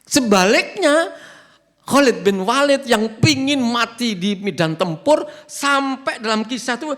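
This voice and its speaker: A man's voice: extremely high pitch, a little slow. A middle-aged man with a Javanese accent, preaching a sermon and acting out the dialogue of the stories he tells. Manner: storytelling, acts out dialogue, animated.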